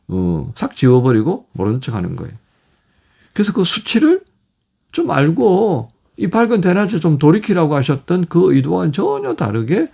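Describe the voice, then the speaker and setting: Middle-aged male pastor, devotional sermon, gravelly and somewhat high, swings his pitch widely. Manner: animated, acts out God and fathers in quoted speech.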